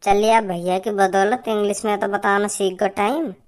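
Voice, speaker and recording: A voice actor playing a slow-witted village man in a cartoon, who stammers and grumbles. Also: medium pitch, fairly even intonation, a little hiss or hum, close to an everyday voice. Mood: grumbling. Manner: stammering, confused, complaining. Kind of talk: cartoon comedy voice acting.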